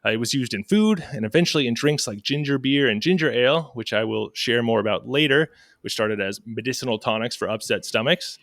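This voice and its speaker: A man's voice: medium pitch, a little fast, a bit bright, no echo, clean studio sound. Playful, jokey male podcast co-host. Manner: playful, jokey, theatrical storyteller. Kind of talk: casual podcast chat.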